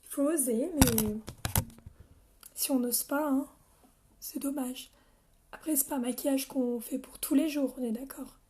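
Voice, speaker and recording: Young woman with a high voice hosting a casual live makeup demo, chatty with her viewers. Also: a little slow, pauses often, mellow, a little hiss or hum. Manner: chatty, addresses viewers by name, frequent coughs. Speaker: makeup seller training her team.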